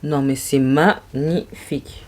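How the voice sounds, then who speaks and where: A woman's voice: a bass voice, fairly even intonation, takes it slowly, a little mellow, soft background music. A young woman vlogging makeup swatches, gushing and exclaiming over each shade in casual chat. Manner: gushing, exclamatory, marvelling aloud. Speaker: beauty vlogger.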